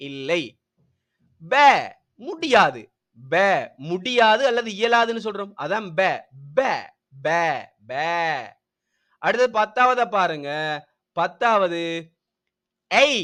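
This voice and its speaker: A man teaching an online language class, patiently repeating each word slowly for his students to copy. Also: sits high, a bit bright. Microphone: video call.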